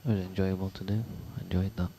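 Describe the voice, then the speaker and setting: A man commentating live on a pool match, with hushed, dry, chatty asides between shots. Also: low voice, little pitch movement, fast. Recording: noisy venue background.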